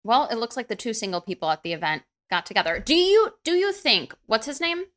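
A woman's voice: a little high, big pitch swings, brisk, a bit bright. A woman co-hosting a podcast, chatting casually with wry, sarcastic quips. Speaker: podcast co-host. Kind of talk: casual chat.

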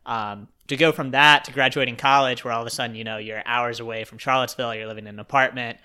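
A man's voice: medium pitch, fairly even intonation, quick pace, bright, forceful tone, clean tone. A man in his twenties from Virginia, co-hosting a sports podcast in casual, rambling chat full of fillers. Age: 20s. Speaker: podcast co-host.

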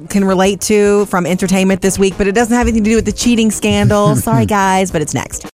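A woman co-host on a radio show with a medium-pitched voice. She talks entertainment in a chatty, gushing, emphatic way over background music. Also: steady tone, fast talker.

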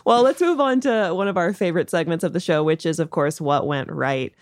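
Low-voiced woman, wry podcast co-host. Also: brisk, no echo, studio quality. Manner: wry, jokey and irreverent. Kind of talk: casual film-review chat.

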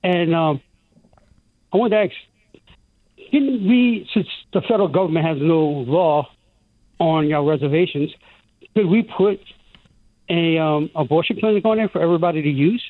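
A man's voice: on the high side, normal speed, long pauses, dry recording. A man calling into a radio show over the phone, chatty and rambling, his voice muffled by the line. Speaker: radio call-in caller. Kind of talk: casual chat.

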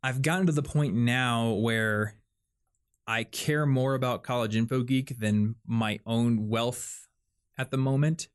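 A man's voice: mid-range voice, steady tone, takes it slowly, smooth. Young man chatting about money. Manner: rambling, filler-heavy, thinks aloud. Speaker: podcast host. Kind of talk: casual chat.

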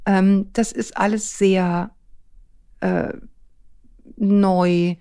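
A woman's voice: mid-range voice, little pitch movement, very slow, dark tone, smooth. A woman co-hosting a casual podcast conversation, reflective and affirming, often murmuring agreement and asking follow-up questions. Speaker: podcast co-host.

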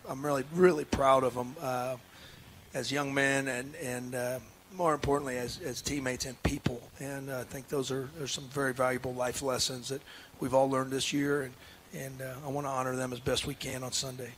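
A man's voice: mid-range voice, level tone, moderate pace, fairly bright tone, slight background noise. A man, a head basketball coach, talking earnestly in a casual radio interview, with many restarts and fillers. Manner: earnest, emotional.

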